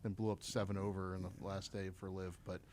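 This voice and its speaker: A man's voice: low-pitched, level tone, fast, darkish tone, slight background noise. Easygoing man hosting a casual podcast. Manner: easygoing, chatty, with frequent fillers. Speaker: podcast host.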